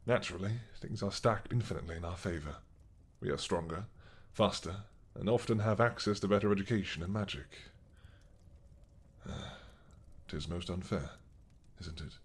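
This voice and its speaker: In an audio roleplay, a man plays an aged dragon king who was once mad, possessive and doting toward his listener. His voice is low, somewhat mellow and a touch rough, and he talks slowly in a tender, teasing way.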